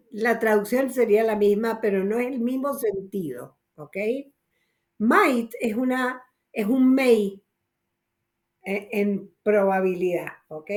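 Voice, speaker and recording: Teacher, female, fairly high voice, slow and patient, explains grammar step by step. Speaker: English teacher. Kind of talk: online class teaching, mixing Spanish and English.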